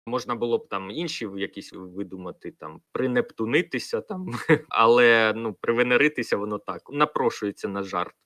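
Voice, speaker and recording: A man's voice: lowish voice, expressive, brisk, bright, forceful tone, dry recording, clean studio sound. A man streaming, casually answering viewer questions and explaining word origins with many fillers.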